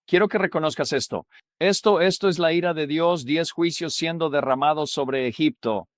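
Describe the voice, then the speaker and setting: Pastor teaching a Bible study. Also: male voice, fairly high pitch, normal speed, no echo. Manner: asks rhetorical questions, checks in with "¿verdad?".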